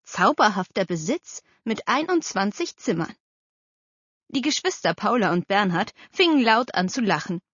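A woman narrating a children's story in a clear, expressive reading voice. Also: mid-range voice, moderate pace, dry recording. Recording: slightly dull dry recording.

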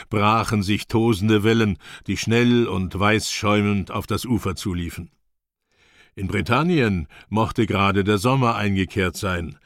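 A man reading a first-person audiobook in a measured, grave storytelling manner, close on the microphone. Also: on the low side, no echo. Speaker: audiobook narrator. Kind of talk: scripted first-person narration.

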